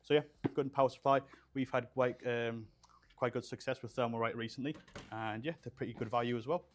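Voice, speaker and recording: Speaking a little fast at a medium pitch with fairly even intonation, a young adult man builds a PC on a livestream over slight background noise. Originally from Poland and raised in England, he rambles casually with fillers from a small studio room with shelves, reading out the live chat.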